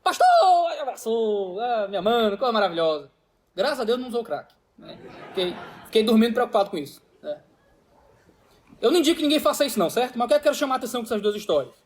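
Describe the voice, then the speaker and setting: A man in his thirties, a pastor preaching a sermon and telling personal stories in an animated, slangy, blunt way. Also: extremely high pitch, quick pace, slight background noise.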